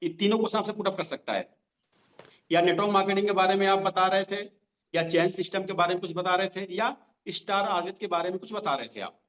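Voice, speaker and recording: A man running a direct selling training session, talking directly to his listeners and repeating each line slowly so they can write it down. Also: high voice, fairly bright tone. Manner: repeats lines slowly for note-taking; conversational, addresses listeners directly. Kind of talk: sales training lesson. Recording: dull lo-fi sound.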